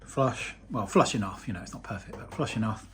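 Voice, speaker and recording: A man's voice: lowish voice, animated, brisk, fairly bright tone, slight background noise. A man talking casually to camera as a DIY vlogger, chatty and self-deprecating.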